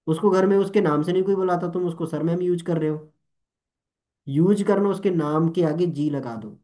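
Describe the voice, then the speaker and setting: A young man training network marketers, speaking Hindi mixed with English and often checking if everyone is following. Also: high-pitched. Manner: animated, keeps asking "ठीक है?" and "All clear?"; mixes Hindi with English words. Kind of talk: motivational training talk.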